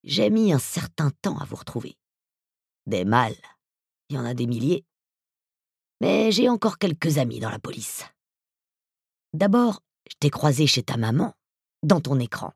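A narrator voicing a hulking middle-aged male villain, who talks in a soft, slow, threatening way with a hollow, hissing voice. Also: medium pitch, very animated, gravelly, husky, no echo, studio quality, exaggerated voice. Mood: quiet menace. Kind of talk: audiobook character voice.

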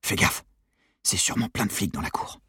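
A man reading an audiobook, voicing a bold, sharp-tongued teenage girl with mocking quick retorts. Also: fairly low pitch, husky, dry recording, clean studio sound, heavily acted. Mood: cheeky.

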